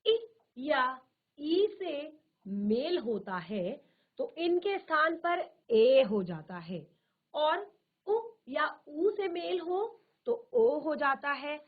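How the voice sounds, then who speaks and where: Slow high-voiced woman teaching, tinny audio. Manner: repeats terms and asks herself questions. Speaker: Hindi teacher. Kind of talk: slow classroom explanation. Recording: tinny phone-like virtual classroom audio.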